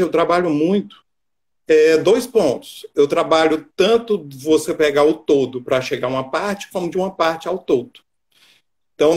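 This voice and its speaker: Higher-voiced Brazilian man explaining patiently. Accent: Brazilian Portuguese. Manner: patient, explanatory, with frequent pauses and hesitations. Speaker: guest expert on child literacy. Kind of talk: explaining in a live stream chat.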